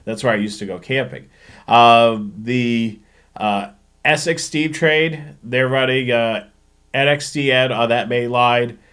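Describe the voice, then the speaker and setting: Hosting a railfanning live show, this man speaks in a mid-range voice that is slow, smooth, and fairly bright. It's a casual live-stream Q&A: he chats informally, explains things while answering questions, and thinks aloud along the way.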